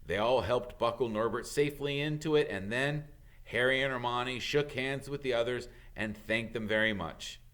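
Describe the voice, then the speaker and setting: Like a teacher reading to a class, a man narrates a children's novel with expressive storybook flair. His voice sits in the mid range, and his pace is normal.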